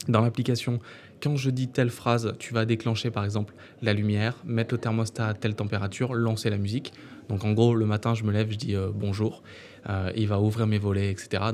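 Low, mellow-voiced man. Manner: conversational, frequent filler "euh". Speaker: podcast host. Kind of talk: casual tech podcast monologue.

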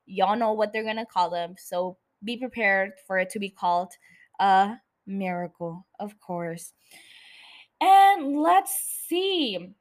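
A woman hosting a casual solo podcast about TV shows, swearing freely and joking irreverently as she rambles and interrupts herself. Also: medium pitch. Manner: rambling, self-interrupting, teasing. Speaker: podcast host.

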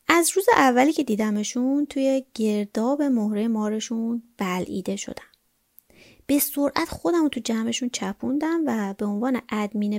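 A woman's voice: fairly high pitch, a little mellow, no room sound, studio quality. Wry, gossipy woman storyteller. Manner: wry, gossipy first-person telling. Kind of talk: colloquial storytelling narration.

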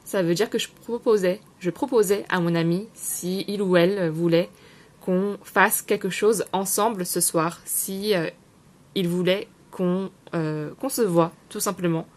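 Slightly low-voiced woman teaching casually. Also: steady tone. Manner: unhurried, explanatory, many fillers. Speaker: podcast host teaching French expressions. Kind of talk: casual spoken lesson.

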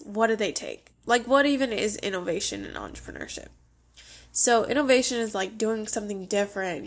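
A young woman hosting a casual solo podcast, sounding congested and chatty, full of "like" fillers. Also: mid-range voice. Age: young adult. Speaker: podcast host.

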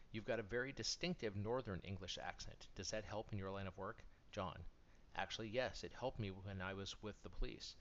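A man with a somewhat low voice reads magazine articles aloud in scripted narration. His delivery is steady and measured throughout. The recording sounds dull and lo-fi, with faint background noise.

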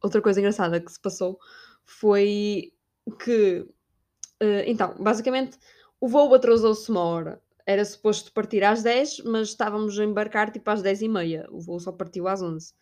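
A young woman with a European Portuguese accent, chatting casually about a trip and imitating people along the way. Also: moderate pace. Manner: chatty, animated, imitates shouting staff in high voice. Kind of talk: casual storytelling vlog.

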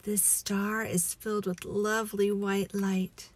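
A woman leading a guided relaxation meditation as a story, in a soothing, hushed, breathy voice that often nears a whisper. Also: mid-range voice, little pitch movement, dry recording. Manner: slow, soothing, hushed delivery.

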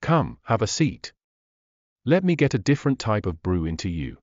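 A man voicing an elderly grandmother who keeps a tribe's records, brisk and chiding in a dry manner. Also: fairly low pitch, sing-song, darkish tone, dry recording, dull audio.

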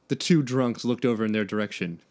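A man in a casual comedy podcast, reading a story aloud with an ordinary mid-pitched voice. He keeps slipping into giggles and chatty asides between the narration. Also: darkish tone. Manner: giggly, reads with bursts of laughter. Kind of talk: casual read-aloud with banter.

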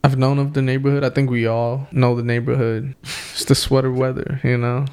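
A man's voice: mid-range voice, little pitch movement, moderate pace, darkish tone, clear, resonant tone. A man co-hosting a podcast, reviewing albums in a joking, slangy way, often repeating himself. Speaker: podcast co-host. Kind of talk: casual music review chat.

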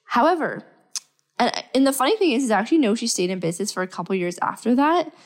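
Fairly high-pitched and quick, with lively intonation, this young podcast host talks casually on her own show. Though stuffed up and ill, she stays cheerful and leans heavily on filler words.

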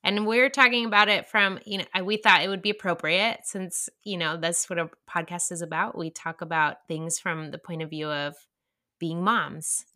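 A young woman co-hosting a podcast in casual chat, earnest and halting, with many fillers and restarts. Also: on the low side, steady tone, pushed and bright. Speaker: podcast co-host.

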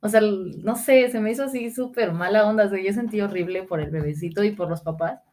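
A woman's voice: mid-range voice, brisk, darkish tone. A woman co-hosting a podcast, telling a story at length in a rambling way and acting out what other people said. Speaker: podcast co-host. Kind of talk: casual podcast chat.

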